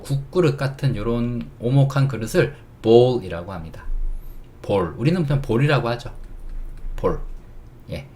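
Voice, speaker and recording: A man teaching English phonics, sounding out letters slowly and explaining words with everyday examples. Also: medium pitch, darkish tone. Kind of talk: phonics lesson.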